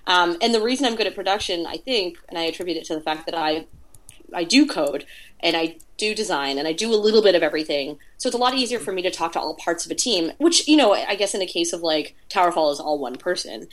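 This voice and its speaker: Speaking quickly with lively intonation, a woman whose voice sits on the low side tells stories as a podcast guest. She works in indie game PR, and the casual interview talk is loaded with filler words.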